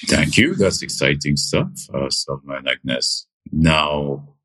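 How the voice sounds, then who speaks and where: A man's voice: rumbling low, animated, slow, sharp tone. A man hosting a podcast interview, speaking formally with some fillers. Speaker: podcast host.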